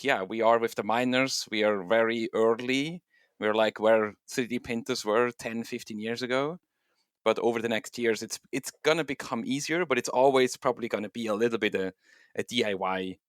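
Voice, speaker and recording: A man's voice: lowish voice, fairly even intonation, moderate pace, clean tone, no echo, studio quality. A middle-aged man from Switzerland, talking casually as an interview guest, thoughtful and loose with many fillers. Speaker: guest, software engineer and home miner.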